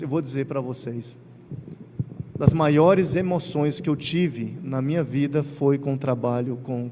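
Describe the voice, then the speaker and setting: A middle-aged man with a Pernambuco accent giving an emotional, animated spiritist lecture, telling personal stories with acted quotes. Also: mid-range voice. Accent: Pernambuco Portuguese. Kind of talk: lecture to a congregation. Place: large lecture hall. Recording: hall reverb with faint ambient noise.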